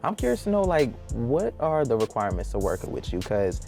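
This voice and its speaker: A man's voice: medium pitch, sing-song, a little fast, gravelly, darkish tone, faint music behind. A man from Panama hosting an interview, asking long, rambling questions in an easygoing way with "you know" fillers. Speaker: interview host.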